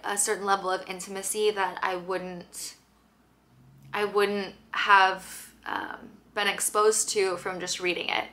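A woman's voice: medium pitch, sharp tone. A young woman chatting to camera from her bedroom about her monthly favorites, upbeat and full of fillers. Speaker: lifestyle vlogger. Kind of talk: casual chat to camera. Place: bedroom at home, indoors.

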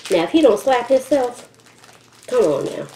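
A woman's voice: a little high, very animated, normal speed, mellow. A woman in her thirties talking casually to camera while eating, chewing between and through her words. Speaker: mukbang vlogger. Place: indoors at a table, kitchen setting. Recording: roomy echo with faint noise.

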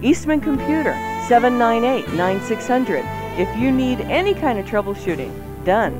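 A woman with a fairly high, sing-song voice co-hosts a radio show at a moderate pace, bantering casually with a playful, theatrical flair and plenty of exclamations. She's in a radio studio with music playing behind her.

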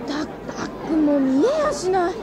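An eager, pleading schoolgirl detective, radio drama, very high voice. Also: animated, fairly quick, over a noisy crowd, very noisy. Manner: pleading, breathless, stammering. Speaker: lead actress and narrator.

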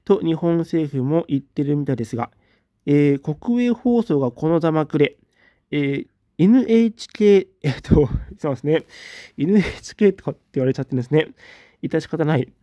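Man, fairly high voice, mellow, dry sound, reads viewer comments in casual chat. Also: brisk, no room sound. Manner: relaxed, reads comments aloud with brief replies. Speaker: streamer reading viewer comments.

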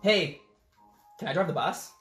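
A pushy little storybook pigeon, as a man puts him on. The voice is lifted and excitable, whining and wheedling like a cartoon beggar. It rings in a roomy space with music behind it. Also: high-pitched, a little slow, pitched above the performer's own voice. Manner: wheedling, whiny, exclaiming. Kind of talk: children's picture-book read-aloud.

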